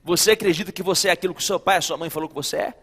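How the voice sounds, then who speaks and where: A man's voice: high voice, rapid-fire, a bit bright, breathy edge, long reverb tail. A man with a Brazilian Portuguese accent preaching a sermon as pastor, emphatic and repetitive, talking straight to the congregation. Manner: emphatic preaching, repeating phrases, addressing listeners as brother. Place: church service hall.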